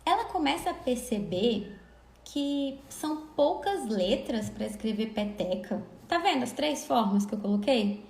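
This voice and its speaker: A woman's voice: on the high side, animated, creaky, darkish tone. Woman teacher explaining literacy stages. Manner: explanatory, sounds words out slowly by syllable. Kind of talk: live online lesson. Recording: echoey room.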